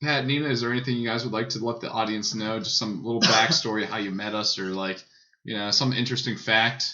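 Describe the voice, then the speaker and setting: A man's voice: on the low side, fairly even intonation, fast, bright, forceful tone. A young man hosting a casual podcast chat with friends, joking and laughing often. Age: young adult. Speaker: podcast host and producer. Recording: dull lo-fi recording with faint hiss.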